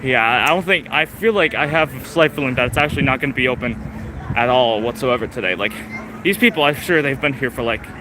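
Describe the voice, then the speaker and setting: A man's voice: medium pitch, brisk, noisy background. A young man casually rambling through a live walkthrough of a theme park, recorded outdoors on a handheld phone. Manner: rambling, chatty, lots of fillers. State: out of breath. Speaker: vlogger livestreaming a theme park walk. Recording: phone livestream outdoors with loud music. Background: loud park music.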